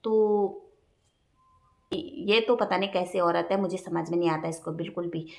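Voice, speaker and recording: A woman hosting a reaction vlog, speaking in heated, indignant commentary and scolding in rapid outbursts. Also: lowish voice, gravelly. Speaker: reaction video host.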